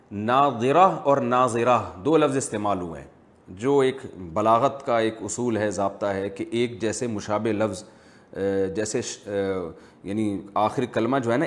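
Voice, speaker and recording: Brief: male religious scholar, steady lecturing delivery, explains rulings patiently, mid-pitched voice. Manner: measured, explanatory, teacherly. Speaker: Islamic scholar answering viewer questions.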